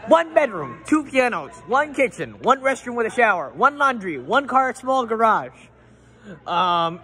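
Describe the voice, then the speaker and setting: A teenage boy vlogs on an outdoor school walkway with his phone at arm's length, rambling playfully in a mock-grumpy improvised role. His high voice sounds pushed and bright, and the whole thing is goofy role-play.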